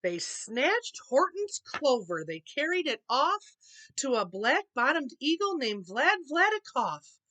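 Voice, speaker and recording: A woman reads a children's picture book aloud as a storyteller. Her delivery is expressive, with lively swings in pitch. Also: takes it slowly, no echo, low-quality recording.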